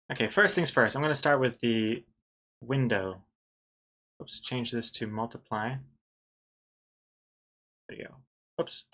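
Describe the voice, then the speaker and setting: With a husky, sharp-toned voice of medium pitch, a man in his thirties gives casual commentary to his chat while drawing on stream, chatty and self-deprecating.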